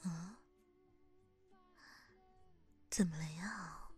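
Close to the microphone, a woman whispers through an ASMR roleplay, playing a hairdresser who gently coaxes a younger boy in a soft big-sister manner. Her voice sits on the low side, a little slow with a breathy edge.

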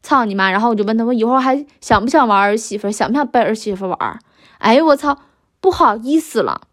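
Woman, Northeastern Mandarin accent, explicit monologue, swearing, bragging, fairly high voice. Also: animated, quick pace. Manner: crude, heavily profane, boastful. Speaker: storyteller.

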